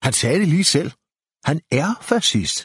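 A mocking young troublemaker hurls accusations, pushed high and loud above the reader's own voice, as a man performs him for an audiobook. The read is dry and close, with a husky edge. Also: very animated, no room sound, exaggerated voice. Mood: triumphant. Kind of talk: audiobook character voice.

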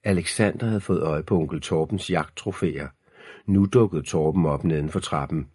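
A man narrating a storybook in a very deep, husky voice, measured and ominous. The recording is dry and close, with no room sound. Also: warm tone, no echo. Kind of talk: scripted audiobook narration.

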